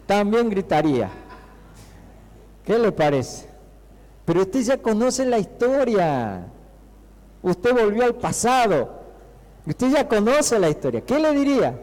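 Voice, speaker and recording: A man with an Argentine Spanish accent preaching a sermon as a pastor, talking to the congregation with many rhetorical questions and acting out the shouting disciples. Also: high voice, very animated, takes it slowly, pauses often. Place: church hall. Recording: long reverb of a church hall.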